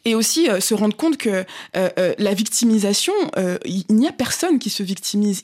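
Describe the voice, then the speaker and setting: A woman from Congo speaks as a guest on a radio discussion. She explains things in a measured, careful way and often pauses on fillers while she finds her words. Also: mid-range voice, darkish tone. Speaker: studio guest.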